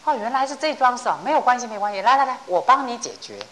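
A woman voicing a clever, calm young male monk with a breezy, reassuring manner. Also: lowish voice, fairly quick, a little hiss or hum, low-quality recording.

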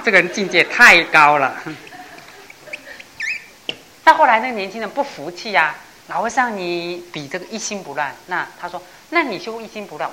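Lively woman giving a Buddhist talk. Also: on the low side, slight background noise, rough recording. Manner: animated storytelling with laughs, acting out characters; slows down to stress key phrases. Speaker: Buddhist teacher. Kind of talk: dharma talk storytelling.

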